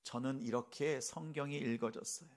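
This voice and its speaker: A male pastor preaching a sermon, asking the congregation questions and acting out gentle quoted speech. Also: mid-range voice, moderate pace. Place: church sanctuary.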